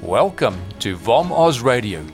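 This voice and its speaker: A man's voice: mid-range voice, big pitch swings, unhurried, loud music behind the voice. A man reading a scripted station introduction in an earnest, emphatic announcing voice. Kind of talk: scripted station promo voice-over.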